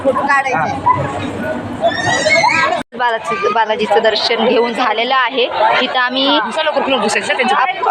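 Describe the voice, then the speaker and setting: A woman chatting excitedly to her viewers in a casual vlog, filmed outdoors on a handheld phone. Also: fairly high pitch. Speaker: vlogger. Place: outdoors by a road, in fields and at a temple. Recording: loud crowd and traffic noise outdoors. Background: loud crowd chatter and vehicle noise.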